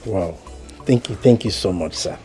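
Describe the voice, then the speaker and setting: An actor playing a polite, eager young suitor, respectful and grateful. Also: male voice, on the low side, normal speed, warm tone, soft background music, lightly acted.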